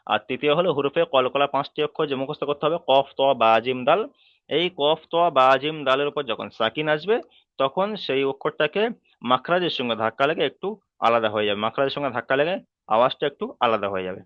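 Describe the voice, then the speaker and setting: Man teaching a recitation lesson, patient and repetitive, spells out letters slowly, dry close mic, slightly dull lo-fi sound. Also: medium pitch, dry recording. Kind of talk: online class lesson.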